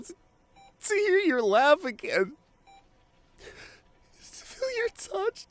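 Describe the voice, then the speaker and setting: In an emotional ASMR audio roleplay, a man plays a grieving, devoted boyfriend crying and pleading at his comatose partner's hospital bedside. His voice sits high with no echo. He is desperate and halting, repeating phrases as his voice breaks into sobs.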